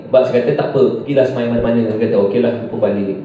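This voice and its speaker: A man's voice: medium pitch, steady tone, rapid-fire, mellow, a little hiss or hum. A young man with a Malaysian accent, an imam, telling a personal story to a class and acting out the voices of the people in it. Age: young adult. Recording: very echoey room, heard from a distance.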